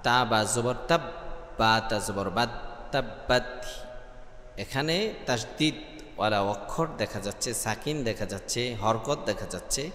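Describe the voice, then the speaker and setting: Man teaching recitation in an echoey room. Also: expressive. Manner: breaks into high, loud melodic chanting for the recited verses; spells out letter by letter, with drawn-out filler sounds. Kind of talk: step-by-step recitation lesson. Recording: echoey room with long reverb.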